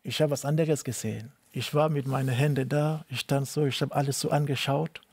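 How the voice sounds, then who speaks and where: Gravelly Cameroonian-born man, halting German. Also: medium pitch, fairly even intonation, background noise. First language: not German. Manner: halting, repeats words, broken German. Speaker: interviewee, tennis coach. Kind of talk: personal testimony interview.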